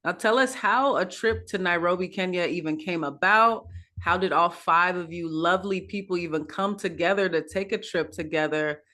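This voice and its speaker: A woman's voice: lowish voice, moderate pace, sharp tone. A woman hosting an online panel talk show over a video call, upbeat and loose, with many fillers. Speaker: host.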